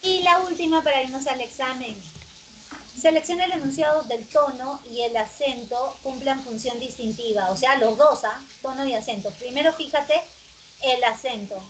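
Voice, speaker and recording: A woman teaching an exam-review class, reading questions aloud and answering them herself in quick, short replies. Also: high-pitched, a bit bright. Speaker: pre-university teacher. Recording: noisy recording with background hum.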